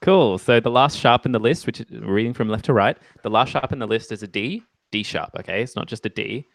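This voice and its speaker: Gravelly, playful male music teacher. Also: mid-range voice, brisk, no echo. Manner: playful, jokey asides and self-teasing; chatty explaining with many ums and okays. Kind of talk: casual one-on-one lesson.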